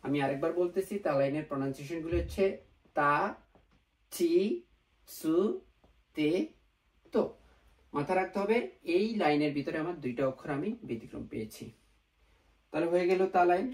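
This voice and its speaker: A man teaching a beginner Japanese lesson at a whiteboard, patient, slowly repeating each sound. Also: on the high side, far from the mic, low-quality recording.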